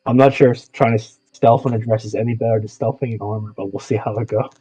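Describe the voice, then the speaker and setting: A man's voice: fairly low pitch, fairly even intonation, fast talker, warm tone, dry recording, faint music behind. Brief: male player, chatty, muffled and dry voice-call audio. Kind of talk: casual tabletop role-play.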